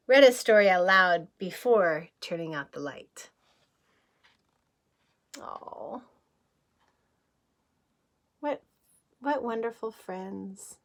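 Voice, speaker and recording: A woman with a medium-pitched voice reads a picture book aloud like a kindergarten teacher, gentle and expressive, asking her listeners questions.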